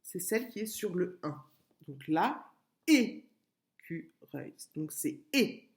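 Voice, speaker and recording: A woman schoolteacher giving a recorded lesson to young pupils, patient and clear, repeating words and sounding out syllables. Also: lowish voice, expressive, unhurried. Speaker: primary school teacher. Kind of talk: remote classroom lesson video.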